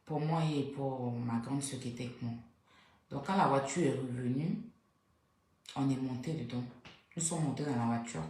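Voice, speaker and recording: Low-voiced woman telling a story in a very echoey room. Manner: animated, acts out what others said, pitch jumps up when excited; keeps voice soft, says she cannot speak loudly. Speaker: storyteller recounting a night out. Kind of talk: casual spoken storytelling.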